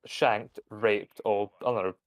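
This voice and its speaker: A young Scottish man, a university student, chats on a live stream in a fairly low voice, taking his time. He rants and swears as he tells his stories with animated energy.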